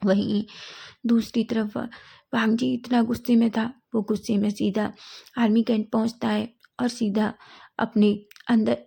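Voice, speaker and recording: A woman's voice: mid-range voice, vocal fry, warm tone. A woman narrating a story, reading each character's lines herself in a near-plain voice.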